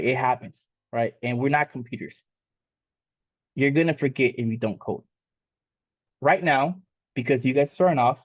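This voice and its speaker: A man with a mid-range voice, born in Mexico and a native Spanish speaker, is leading a live coding lesson in a loose, rambling way, with frequent fillers and restarts. The recording has a dull lo-fi quality and no echo.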